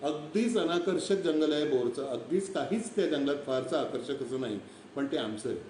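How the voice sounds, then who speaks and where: A man's voice: a little high, expressive, moderate pace, a little mellow. A man from Maharashtra telling vivid wildlife stories on a live stream, acting out animal calls as he goes. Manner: vivid storyteller who imitates animal calls. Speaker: wildlife speaker. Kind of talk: storytelling talk on a live stream. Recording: echoey room, distant mic, faint noise.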